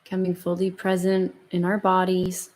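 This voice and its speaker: Soft, soothing woman guiding meditation. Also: on the low side, monotone. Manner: soft, soothing, slow murmur with long pauses. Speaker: yoga and meditation instructor. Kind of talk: guided meditation.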